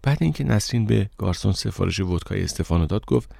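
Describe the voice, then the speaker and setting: A man narrating an audiobook story in a steady, even reading voice. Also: fairly low pitch, creaky, no echo, studio quality. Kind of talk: scripted narration.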